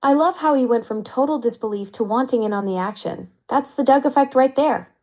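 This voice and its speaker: A synthetic woman's voice of an AI chat assistant, upbeat and flattering with smooth, even delivery. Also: on the high side, fairly quick. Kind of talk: conversational AI reply.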